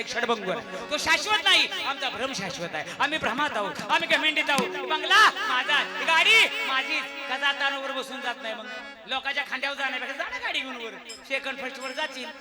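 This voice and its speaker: High-voiced man preaching comic folk verse. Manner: declamatory, rhetorical, jokey. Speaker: folk devotional comic performer. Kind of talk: comic devotional sermon. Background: loud folk music.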